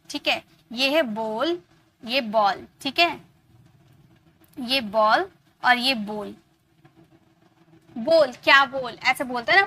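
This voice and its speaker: A woman's voice: high-pitched, sharp tone. A woman with an Indian accent teaching English reading rules, repeating words and asking questions as she drills them. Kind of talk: spoken classroom lesson.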